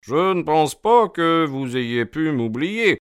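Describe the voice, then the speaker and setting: A man voicing a sharp, confident male detective who speaks in an affable, assured way. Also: a little high, animated, slow, clear, resonant tone, no echo, studio quality, pitched above the performer's own voice.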